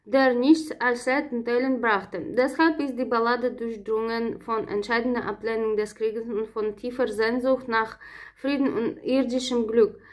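A woman with a fairly high voice reads a prepared lecture from her notes. She stops often on filler sounds and corrects herself partway through words. Her delivery stays steady and lecture-like. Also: measured pace. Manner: reads from notes with frequent "äh" hesitations and self-corrections. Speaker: presenter of a literature talk. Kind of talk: read-aloud lecture.

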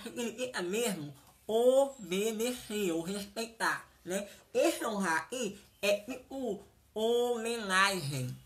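Bright-voiced woman teaching slowly. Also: medium pitch. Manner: repeats each word slowly, checks with "entendeu?". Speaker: sign language teacher. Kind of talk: teaching vocabulary review.

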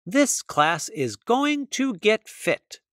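A man voicing a kind, firm female fox teacher in a storybook, gentle but encouraging. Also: high-pitched, very animated, extremely slow, no echo, clean studio sound, pitched above the performer's own voice, full character voice.

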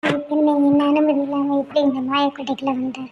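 A woman's voice: high-pitched, little pitch movement, fast talker, narrow, tinny audio, lightly acted. A woman voicing a sly man who coaxes a girl to trust him in a magic fort story, in a noisy recording. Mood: coaxing. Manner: coaxing, insistent. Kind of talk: storybook voice acting.

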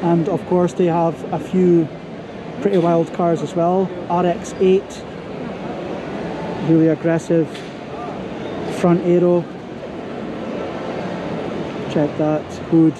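A man narrates a walkaround at a busy car show in short, clipped remarks, pointing out one detail after another. He speaks slowly and unhurriedly. Loud background noise from the show floor sits under his voice. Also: fairly high pitch, flat delivery, dull audio. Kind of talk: walkaround commentary.

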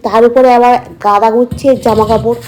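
A woman's voice: fairly high pitch, steady tone, a little fast, a little mellow, a little hiss or hum. A woman chatting casually to her viewers as a vlogger, explaining her daily routine, with a slight cold in her throat.

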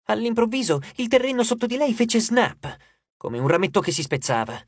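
Brief: male audiobook narrator, animated swooping delivery, dry close studio sound. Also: high voice, moderate pace, husky, no room sound. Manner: expressive storytelling. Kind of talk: scripted narration.

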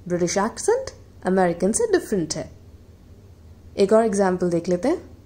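A woman teaching English vocabulary in a slow, deliberate lesson, explaining in Hindi with English examples. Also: medium pitch, big pitch swings, mellow.

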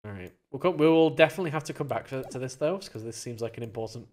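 A let's play gamer reading game dialogue aloud and commenting on the playthrough, playful and jumping into higher character voices. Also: animated, quick pace, darkish tone.

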